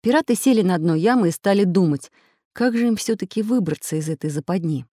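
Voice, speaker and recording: A woman's voice: medium pitch, fairly quick, no room sound, clean studio sound. Woman narrating a children's story. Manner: expressive storytelling.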